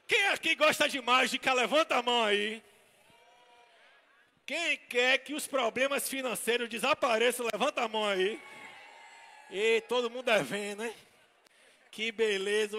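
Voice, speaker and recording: Man, Bahian accent, clown magician, very high voice, playful crowd teasing, long hall reverb. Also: unhurried, pushed and bright. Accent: Bahian Portuguese. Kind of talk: live stage comedy magic act. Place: shopping mall event stage.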